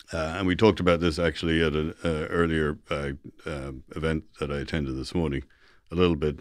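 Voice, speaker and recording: A man's voice: very deep voice, fairly bright tone, dry recording, clean studio sound. A middle-aged or older man with a Dublin Irish accent, speaking as an interview guest in a conversational, storytelling way, acting out dialogue and repeating phrases for emphasis. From Dublin, Ireland. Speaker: interview guest, technology executive.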